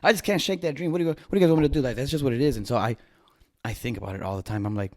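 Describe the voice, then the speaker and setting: A man in his thirties casually telling his viewers a story, animated, with gasps, restarts and trailing phrases. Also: on the high side, very fast. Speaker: vlogger.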